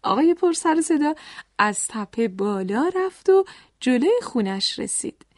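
A woman telling a children's story in a lively way, addressing the young listeners directly. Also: high-pitched, no room sound, studio quality. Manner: animated, talks straight to the children.

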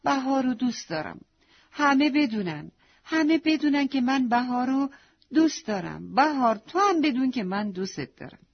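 A woman voicing an eager, insistent little girl in a children's story, talking high and excited. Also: highs cut off, lightly acted.

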